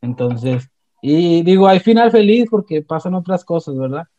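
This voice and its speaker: A young man with a Mexican accent, casually retelling an anime plot in a slangy, animated way with many restarts. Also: a little high, normal speed. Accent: Mexican Spanish. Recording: dull, slightly lo-fi dry sound.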